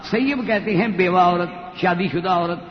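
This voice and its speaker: A man preaching an Islamic sermon, slowing down to chant Arabic verses and acting out the voices he quotes. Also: sits high. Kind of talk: Islamic sermon with Quranic recitation. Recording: echoey hall, dull lo-fi sound, faint noise.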